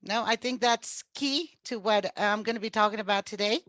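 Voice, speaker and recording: A woman's voice: mid-range voice, normal speed, a bit bright, no room sound. A woman in her forties from Mexico, a teacher talking as a podcast guest, chatty with many fillers and restarts. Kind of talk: casual interview talk.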